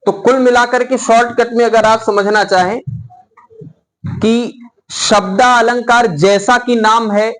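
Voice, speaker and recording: A middle-aged male teacher with a fairly high voice gives a classroom lecture. He takes his time, explaining patiently and pausing to dictate notes for students to copy. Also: poor audio. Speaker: Hindi teacher.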